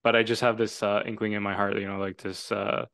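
A man's voice: on the low side, little pitch movement, fairly quick, creaky, fairly bright tone, smooth, no echo, studio quality. A man in his twenties from Toronto, hosting a casual podcast conversation in an earnest, reflective, rambling way. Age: 20s. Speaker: podcast host.

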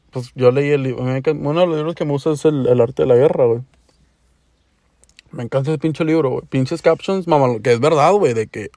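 A man's voice: a little high, darkish tone, no room sound, studio quality. A young man with a northern Mexican border accent tells stories casually on his podcast in profane slang with Chicano-style English mixed in, acting out the dialogue. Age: young adult. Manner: acts out dialogue. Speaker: podcast host.

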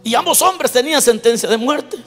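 A man's voice: very high-pitched, lively intonation, brisk, fairly bright tone. A man preaching a sermon in an emphatic way, asking his congregation questions as he goes. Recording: long hall reverb with faint music.

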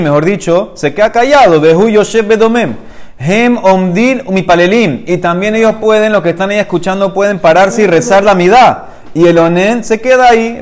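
A man teaching a Talmud class, reading each phrase of the text and then explaining it, and speaking directly to his listeners with emphasis. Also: on the high side.

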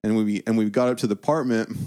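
A man's voice: lowish voice, fairly even intonation, rapid-fire, warm tone. Laughing young man telling stories. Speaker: guest. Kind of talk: casual storytelling.

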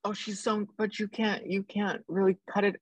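Young woman podcaster with vocal fry, dry close sound. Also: mid-range voice, level tone, moderate pace, no room sound. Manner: emphatic, slangy, opinionated. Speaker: podcast co-host. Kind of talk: casual podcast chat.

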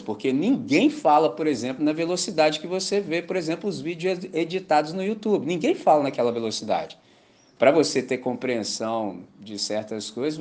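A man with a Brazilian Portuguese accent preaching a sermon at a church service, conversational and slangy, often asking his listeners if they follow. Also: mid-range voice. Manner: conversational, keeps asking "entendeu?"; slangy and animated. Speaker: pastor.

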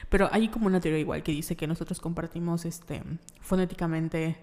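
A woman's voice: on the low side, steady tone, fairly quick, mellow, big-room sound. A woman from Yucatán with a Yucatecan accent, co-hosting a casual podcast chat, chatty and laughing often. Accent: Yucatecan Spanish. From Yucatán, Mexico. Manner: chatty, laughs often, quotes people in asides. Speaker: podcast co-host. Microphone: studio microphone.

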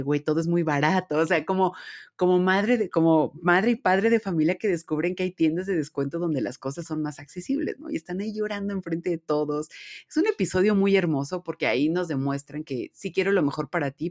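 Chatty Mexican podcaster in their thirties. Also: medium pitch. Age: 30s. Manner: chatty, animated, full of fillers and slang. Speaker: podcast host. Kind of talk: casual anime review chat.

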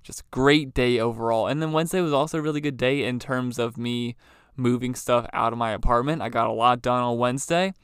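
Young man podcasting, clear and very dry. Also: medium pitch, brisk, no echo. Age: young adult. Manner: informal, rambling. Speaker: podcast host. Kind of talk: casual solo podcast chat. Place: small clothes closet, indoors.

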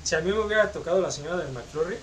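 A man with a Mexican Spanish accent in a casual chat, bantering crudely and quick to anger. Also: fairly high pitch, lively intonation, fairly bright tone, far from the mic, a little hiss or hum. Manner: fast, crude, hot-tempered banter.

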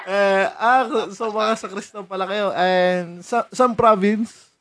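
A man's voice: sits high, fairly even intonation, slow pace, heavy background noise. A young man from Rizal in the Philippines, hosting his own podcast in casual chat, laughing often and mixing in English. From San Mateo, Rizal, Philippines. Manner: chatty, laughs often, switches between Tagalog and English. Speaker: podcast host.

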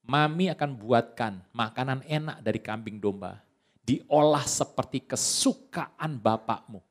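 A pastor voicing a mother who quietly urges her younger son to take his share, in a hushed, coaxing way. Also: mid-range voice, unhurried, pitched below the performer's own voice, natural voice.

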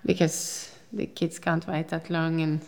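This Norwegian woman in her fifties has a low-sitting voice and an unhurried, flat delivery. Speaking English with a Norwegian accent in a casual interview, she tells stories in a chatty, rambling way, full of restarts and laughs.

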